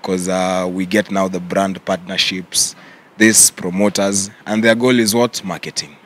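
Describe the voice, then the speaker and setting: A young man with a Kenyan accent, answering interview questions in a relaxed way and mixing English with Swahili slang. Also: low-pitched, measured pace, slight background noise. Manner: relaxed, mixes English and Swahili slang, says "yeah" often. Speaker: content creator guest.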